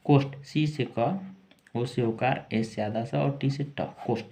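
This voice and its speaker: Slow, repetitive male spelling teacher. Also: mid-range voice, vocal fry, mellow. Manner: slow, repeats words, spells letters aloud. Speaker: English teacher. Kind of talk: spoken spelling lesson.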